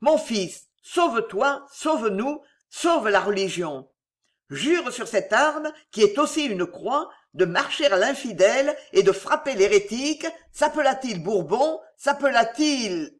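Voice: mid-range voice, sing-song, measured pace. A reader voicing a proud, fierce aristocratic mother who speaks in a fiery, declamatory way. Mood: grim.

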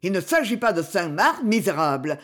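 A man's voice: sits high, sing-song, moderate pace, fairly bright tone, exaggerated voice. Man playing a wrathful young bishop. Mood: angry. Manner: harsh and wrathful. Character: jealous, stern young male cardinal-bishop.

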